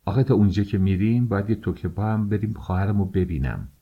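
A man's voice: lowish voice, slightly rough, lo-fi sound. A man reading an audiobook, voicing a wily old servant woman who fawns and wheedles. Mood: wheedling. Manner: fawning, wheedling.

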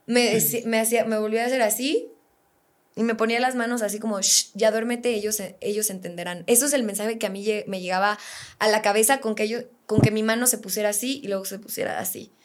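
A woman's voice: a little high, fast talker. Slangy Mexican woman telling a story. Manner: lively, slangy, acts out quotes from her story. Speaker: podcast guest. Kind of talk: casual interview storytelling.

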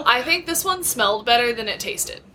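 Upbeat woman with a higher voice. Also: animated, fairly quick, sharp tone. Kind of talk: casual group chat. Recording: mic with clear noise.

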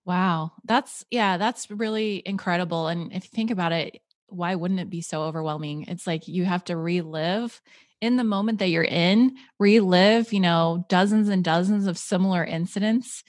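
Female interviewer, lower voice, affirming and reflective, dry sound. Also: normal speed, hardly any pauses, dry recording. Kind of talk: interview conversation.

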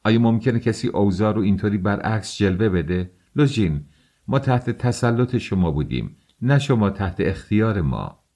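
A man's voice: fairly low pitch, animated, mellow. A man voicing an agitated middle-aged mother who argues sharply to protect her daughter, in an audiobook reading. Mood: indignant.

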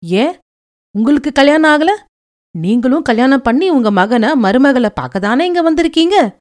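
A woman voicing an educated young married woman who answers back quickly and defensively. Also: high voice, lively intonation, a little mellow, pitched above the performer's own voice.

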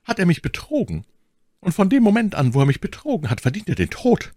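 A man's voice: sits high, huge pitch swings, normal speed, darkish tone, breathy edge, no room sound, clean studio sound, pitched above the performer's own voice, heavily acted. A man voicing a cold, scheming young noblewoman with a cutting, mocking tone in an audiobook. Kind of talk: audiobook character voice.

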